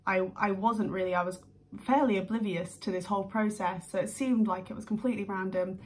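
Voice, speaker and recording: A young woman from the UK in a sit-down vlog, talking in a nervous, rambling way with quick bursts and restarts. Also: mid-range voice, fairly even intonation. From United Kingdom. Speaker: vlogger.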